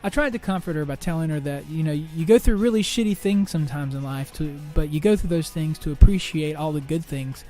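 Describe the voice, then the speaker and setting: Halting young man venting on a podcast. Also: a little high, dark tone, soft background music. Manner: halting, many restarts and fillers, swears freely. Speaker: podcast host. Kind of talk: personal monologue.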